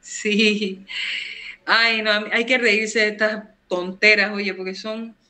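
A woman's voice: medium pitch, level tone, slow, sharp tone. A woman co-hosting a casual live stream, reading viewers' comments and laughing often. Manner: laughs often, plays with a put-on Cuban voice and English.

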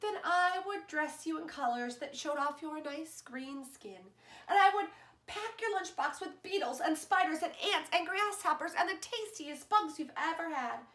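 A woman reading aloud voices a loving, patient mother who soothes her child with warm promises, tender and reassuring in storybook style. Her high, bright voice rises and falls in a lively singsong at normal speed. There is a noticeable echo from the room.

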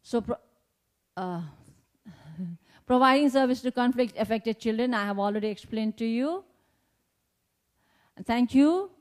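A woman with a Nepali accent, a native Nepali speaker, giving a lecture in a conference hall on a handheld microphone, reading slide points with pauses and restarts. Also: a little high, expressive. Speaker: guest lecturer.

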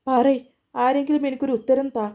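A woman's voice: medium pitch, level tone, normal speed, dark tone, natural voice. A woman voicing a frightened young woman who pleads through tears, in a spoken family story. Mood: tearful pleading. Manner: tearful, pleading questions.

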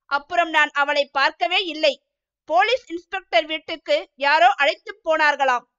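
A woman's voice: high voice, a bit bright, muffled recording. A woman voicing a boastful older male temple clerk who begs and sobs for his life, in a storybook reading. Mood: pleading. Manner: pleading, sobbing.

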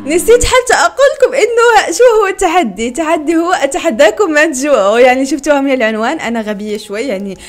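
Young woman, high voice, giggly playful reactions, casual vlog. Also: animated, very fast, hardly any pauses. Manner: giggly, exclaims often, playful self-teasing. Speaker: YouTuber reacting to food videos.

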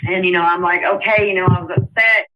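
A woman's voice: on the low side, fairly even intonation, fast, lo-fi sound. Rambling mother telling her story. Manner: rambling, repeats "you know" and "I said". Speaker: interviewee, mother. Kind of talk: casual storytelling.

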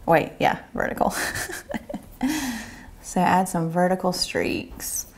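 A woman, giving a relaxed, chatty step-by-step painting tutorial at home, talking as she paints. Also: lowish voice, takes it slowly, vocal fry. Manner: relaxed, chatty, thinks aloud while painting. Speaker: painting instructor. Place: home room with a painting easel.

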